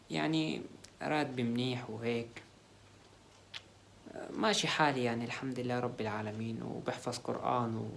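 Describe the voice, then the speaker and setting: A man playing a Syrian roommate who drinks whisky and picks fights. He speaks at a middle pitch in a comedy sketch. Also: creaky, slight background noise, close to an everyday voice. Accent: Syrian Arabic.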